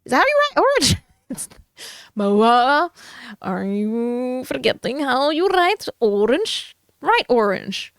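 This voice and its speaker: A woman's voice: sits high, sing-song, smooth, no room sound, studio quality. A woman streamer chatting casually and giggling while she draws on stream. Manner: slow, musing, giggly.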